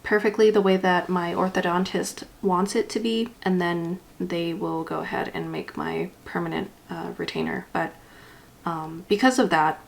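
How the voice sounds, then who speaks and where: A woman's voice: lowish voice, steady tone, moderate pace, gravelly. A woman with a slight lisp from wearing a retainer, rambling casually and a little self-consciously as she talks through ink swatches for a vlog. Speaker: YouTube vlogger.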